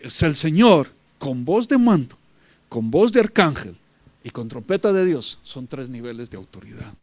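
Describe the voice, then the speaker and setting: A man's voice: a little high, dry recording. A man preaching a sermon, emphatic and repetitive, often addressing his listeners as brother.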